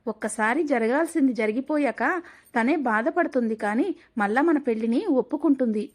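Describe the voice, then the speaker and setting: A woman's voice: fairly high pitch, brisk, close to an everyday voice. A woman voicing a headstrong young woman, the daughter of a wealthy family, talking earnestly and pleading in a storybook drama.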